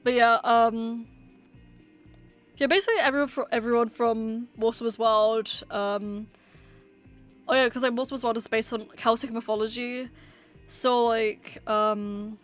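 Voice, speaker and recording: A woman streamer chatting casually, rambling and hesitant with lots of "um" and "like". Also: on the high side. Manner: rambling, hesitant, many fillers. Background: faint background music.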